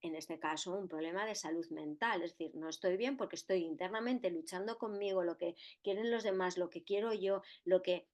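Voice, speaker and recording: A woman's voice: lowish voice, a little fast, hardly any pauses, a little mellow. A woman from co-hosting a podcast, talking reflectively in a rambling way with many fillers and tag questions. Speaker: podcast co-host. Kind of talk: reflective casual conversation.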